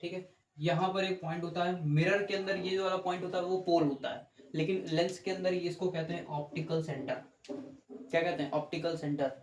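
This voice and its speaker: A man teaches physics in a classroom lecture, explaining step by step and often asking whether it is clear. His voice sits a little high. The room is echoey, with a faint hiss of ambient noise behind him. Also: fairly even intonation, a little fast. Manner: explains step by step, asks rhetorical checks, corrects himself. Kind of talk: classroom lecture with board drawing.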